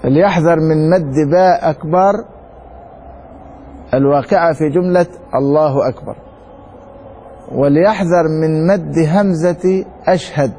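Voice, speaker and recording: A man with an Egyptian Arabic accent teaching a religious lesson, reading a text slowly and then explaining it with rhetorical questions to his students. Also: on the high side, warm tone, slight background noise. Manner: reads a text slowly, then comments quickly. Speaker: sheikh teaching Maliki law.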